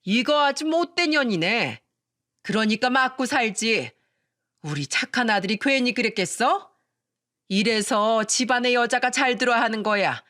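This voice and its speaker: A woman's voice: a little high, pushed and bright. A woman voicing a rude, contemptuous older mother-in-law who scolds in a storytelling video.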